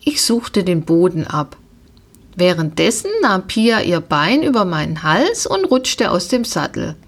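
A woman reads a children's story aloud at a slow, unhurried pace. Her pitch moves expressively through the lines, rising and falling with the narration. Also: very animated, slightly rough. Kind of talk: storybook reading.

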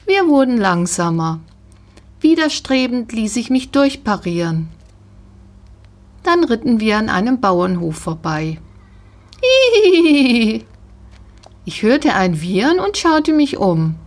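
A woman narrating a children's storybook in a calm, gentle, measured way. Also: mid-range voice. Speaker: audiobook narrator. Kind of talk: scripted storybook narration, first person as a horse.

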